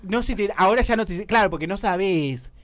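A fast, lively man with a Rioplatense accent hosts a comedy radio show. His pitch bounces around as he teases guests, and he keeps tripping over and repeating his words. His voice sits a little on the high side. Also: music in the background. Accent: Rioplatense Spanish. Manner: playful, teasing, stammers and repeats words.

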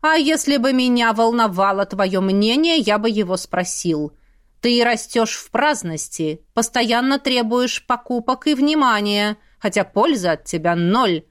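A woman's voice: a little high, animated, unhurried. A woman voicing a stern, cold aristocratic father who heads a clan, with a commanding manner.

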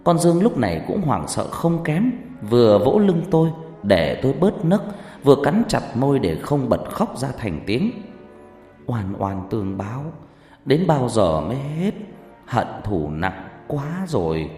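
A man narrating a horror story in a hushed, suspenseful way. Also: medium pitch, sing-song, a little slow. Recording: reverberant hall with background music.

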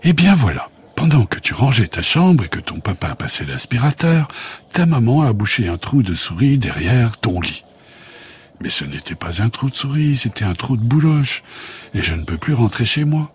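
A man voicing Blu, a tiny and polite female fluff-ball creature, in a raised, gentle, childlike voice. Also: mid-range voice, sing-song, normal speed, slightly rough, pitched above the performer's own voice.

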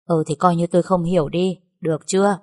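A woman's voice: on the low side, steady tone, a little fast, a little mellow, dry recording, clean studio sound, natural voice. A woman voicing a stern young master who speaks curtly and scolds. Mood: soothing. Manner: scolding, curt. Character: stern young master, man, curt and gruff.

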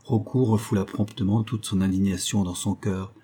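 Man, audiobook narrator, low voice, husky, measured reading. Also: flat delivery, dark tone. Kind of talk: scripted narration.

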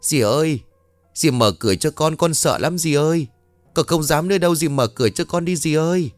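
A man's voice: fairly high pitch, moderate pace, soft background music, pitched above the performer's own voice, lightly acted. A man voicing a frightened young stepdaughter who sobs and pleads. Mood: sobbing pleading. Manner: sobbing, pleading.

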